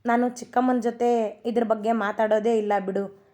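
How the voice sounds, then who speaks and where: A woman voicing a calm, caring young husband who speaks gently and reassuringly in a read-aloud love story. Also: a little high, moderate pace, close to an everyday voice. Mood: coaxing.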